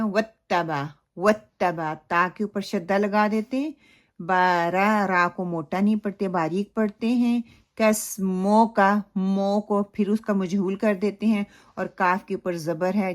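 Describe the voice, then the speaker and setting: A woman giving a recitation lesson. She speaks at a mid pitch, explains each sound patiently and then recites the phrase in long, drawn-out syllables. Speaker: Quran recitation teacher.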